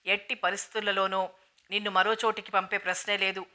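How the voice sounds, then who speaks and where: A woman voicing a stern, dignified matriarch who speaks in a calm, grave and measured way, in an audiobook novel reading. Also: mid-range voice, natural voice.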